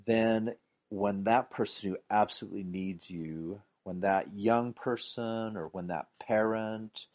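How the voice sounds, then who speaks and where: A male podcast host asking measured, reflective questions in an interview conversation. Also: lowish voice, a little mellow.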